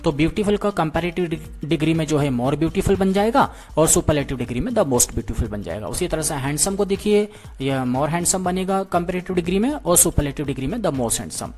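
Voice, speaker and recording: Patient male teacher explaining grammar slowly. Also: on the high side, lively intonation, a little mellow, soft background music. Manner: patient, repeats points with frequent check-ins to students. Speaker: English teacher.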